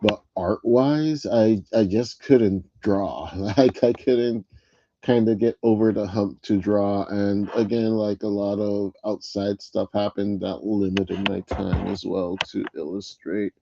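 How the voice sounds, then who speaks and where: A low, mellow man's voice with a slight wheeze, as he gets over bronchitis. He hosts a casual livestream, rambling at an unhurried pace. The sound comes through a dull old headset with some faint noise. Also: fairly even intonation, creaky, dry recording. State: recovering from bronchitis. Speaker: livestream host, comic artist.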